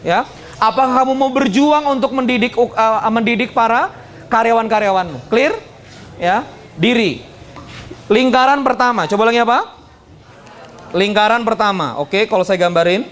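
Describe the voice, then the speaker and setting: A man giving a lively, joking seminar talk on business and addressing the audience directly. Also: very high-pitched, normal speed. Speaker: business speaker and motivational trainer.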